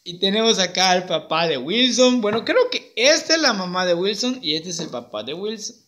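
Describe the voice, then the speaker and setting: A man's voice: high voice, big pitch swings, normal speed, pushed and bright. A male schoolteacher chatting playfully with a puppet, sending greetings to his students and laughing easily. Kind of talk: casual chat with a puppet.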